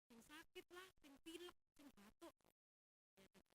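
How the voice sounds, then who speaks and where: A woman pastor preaching a sermon, acting out her congregation's complaints in a lively, raised voice. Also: high voice, measured pace, rough recording. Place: church.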